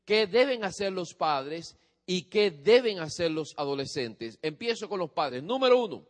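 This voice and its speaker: A man with a fairly high voice lectures a live audience, pausing to put questions to them. His voice carries a long reverb in a large hall. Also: sing-song. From from a different country than his audience. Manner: engages listeners with questions. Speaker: speaker on parenting teens.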